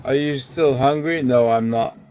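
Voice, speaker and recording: With a mid-range, darkish voice and a measured pace, a man talks his way through a travel vlog, narrating as he walks city streets, eats, and later drives. It's filmed on a handheld phone in a chatty style, and the audio carries a little hiss or hum.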